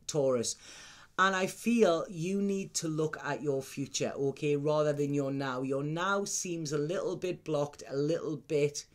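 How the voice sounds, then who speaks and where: Male tarot reader, fairly high-pitched voice, for a mystical horoscope reading; reassuring, conversational, checks in with the listener often. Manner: reassuring advice with repeated "okay?" checks.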